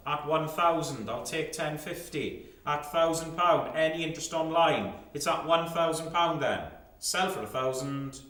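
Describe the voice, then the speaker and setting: A man's voice: a little high, a bit bright. Echoey male fine art auctioneer calling bids. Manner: repeats bid figures in clipped, rolling phrases. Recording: roomy, echoing sound.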